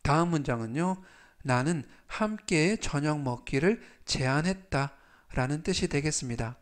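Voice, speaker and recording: A man teaching English vocabulary in a formal, polite manner, slowly repeating each word and sentence three times for learners to follow. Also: on the high side, expressive. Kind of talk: slow spoken English lesson.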